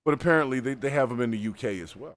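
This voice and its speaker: A man's voice: medium pitch, rapid-fire. An American man hosting a casual panel talk, reacting to a clip and laughing often. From United States. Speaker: podcast host.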